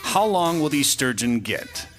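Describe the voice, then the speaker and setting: Male radio host, quizmaster, upbeat game-show delivery, very lively pitch. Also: measured pace, soft background music. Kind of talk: casual radio quiz chat.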